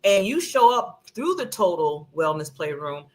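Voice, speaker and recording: A woman's voice: on the low side, very animated, normal speed, darkish tone. A woman co-hosting a motivational talk show, effusive and laughing, acting out quoted voices. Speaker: co-host, motivational speaker. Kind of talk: casual talk-show chat.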